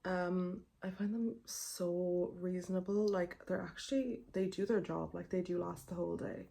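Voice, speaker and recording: A woman in her twenties talks through a makeup tutorial in an informal, rambling way. Her voice is soft-edged and relaxed with plenty of creak, and a tongue piercing clicks in her speech. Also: on the low side, normal speed. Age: 20s. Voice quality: tongue piercing clicking faintly against teeth. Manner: informal, rambling, frequent filler "like". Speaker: beauty vlogger. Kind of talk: casual chatty makeup tutorial.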